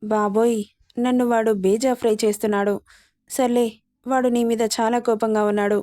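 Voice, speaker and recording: A man's voice: extremely high pitch, little pitch movement, moderate pace, darkish tone. A woman voicing a nervous young man, a loyal friend and brother, who talks in a flustered, pleading way. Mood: worried.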